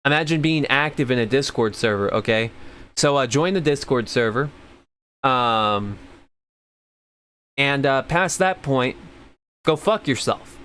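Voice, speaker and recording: A man's voice: medium pitch, lively intonation, measured pace, long pauses, a bit bright, smooth. Sleepy, crude-talking male streamer. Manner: crude, rambling, sarcastic. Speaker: livestream host. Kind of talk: casual profane commentary.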